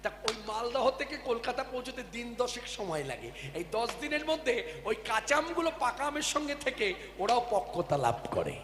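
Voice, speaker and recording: High-voiced man preaching in an echoey hall. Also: big pitch swings, normal speed. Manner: addresses the audience with questions, emphatic. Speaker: kirtan preacher. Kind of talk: devotional sermon. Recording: echoey hall with music behind.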